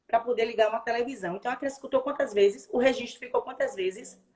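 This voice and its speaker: A woman with a Bahian Brazilian accent, a speech therapist explaining advice to parents on a video call, lively and acting out example phrases for a child. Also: a little high, fast talker. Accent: Bahian Brazilian Portuguese. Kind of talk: explaining advice in a live chat.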